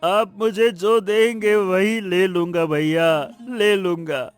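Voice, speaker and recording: A man voicing a gentle, patient younger son in an animated story, speaking softly and respectfully. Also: high voice, takes it slowly, clear, resonant tone, no room sound, faint music behind. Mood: pleading. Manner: soft, pleading, respectful.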